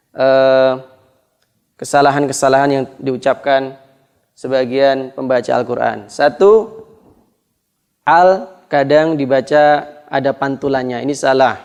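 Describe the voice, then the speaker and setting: Man, teacher, recitation lesson, slightly high voice, slow unhurried delivery. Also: darkish tone, clean tone. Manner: slow, deliberate with drawn-out Arabic examples.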